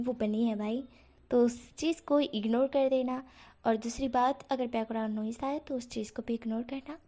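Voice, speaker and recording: A woman's voice: fairly high pitch, mellow. A woman host casually retelling a fanfiction story to her viewers in a chatty way, full of fillers and direct asides. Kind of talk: casual spoken story narration.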